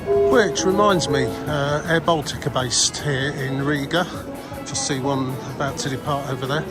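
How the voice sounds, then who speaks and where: A man's voice: mid-range voice, level tone, normal speed, over loud music. A man giving casual, rambling travel vlog commentary in a chatty, hesitant way. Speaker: travel vlogger.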